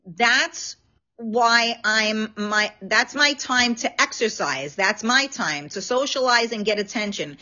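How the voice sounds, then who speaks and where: Frank, animated New woman host. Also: on the high side, slow pace, highs cut off. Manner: frank, animated storyteller, swears freely. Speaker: talk show host. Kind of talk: casual live-stream chat.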